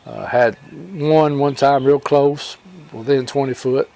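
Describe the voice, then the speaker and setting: A man with a rural Alabama accent tells personal stories in an informal fireside storytelling style, folksy and rambling, pausing often and recounting who said what. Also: medium pitch, steady tone, mellow. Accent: Southern US, rural Alabama. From Alabama, United States. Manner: folksy, rambling, with pauses and reported dialogue. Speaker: storyteller and homesteading channel host.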